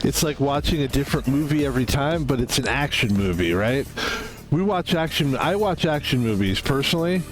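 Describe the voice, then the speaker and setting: A man's voice: medium pitch, animated, brisk, a little hiss or hum, poor audio. Rambling man in his fifties streaming. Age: 50s. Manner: rambling, self-interrupting, chatty. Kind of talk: casual gaming stream chat.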